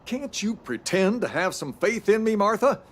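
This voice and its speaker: An actor playing a proud, cantankerous old shopkeeper in a video game, with an Old West American drawl and folksy cowboy-sidekick bluster. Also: male voice, high voice, very animated, normal speed. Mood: exasperated. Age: older. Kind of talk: video game character acting.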